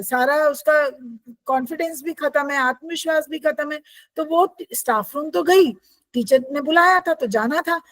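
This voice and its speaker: A woman teacher, reading English lines slowly and explaining them in Hindi with questions to her students. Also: high-pitched, no room sound, low-quality recording. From India.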